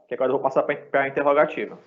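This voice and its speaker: A Brazilian man teaches a live online class at a middle pitch, explaining step by step and checking in with his students every few phrases. The sound is dull and lo-fi, as if picked up by a call mic. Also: rapid-fire. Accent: Brazilian Portuguese. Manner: explanatory, checks in often with "certo?". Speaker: English teacher.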